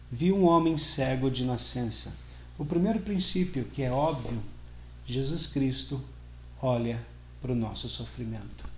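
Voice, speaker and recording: A man's voice: fairly high pitch, darkish tone, echoey room, slight background noise. A middle-aged man preaching a sermon as pastor, earnest, his volume swelling and dropping for emphasis.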